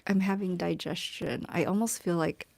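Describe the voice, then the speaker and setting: A woman chatting casually on her live stream, tired and rambling, often dropping to a soft whisper as she talks to viewers. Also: lowish voice, fairly even intonation, normal speed, creaky, no echo.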